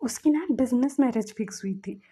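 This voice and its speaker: A woman voicing an upset, tearful young husband in a spoken fan story, rushing out his protests in her own mellow voice. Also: fairly high pitch, breathy edge. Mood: hurt. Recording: dull lo-fi recording.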